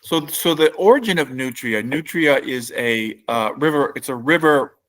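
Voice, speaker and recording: A middle-aged man, speaking in an easygoing, unhurried way. He tells stories in a casual podcast interview and often stops to restart a thought. His pitch sits in an ordinary middle range. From New Orleans, Louisiana. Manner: relaxed storyteller, many fillers and restarts. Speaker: company CEO and guest.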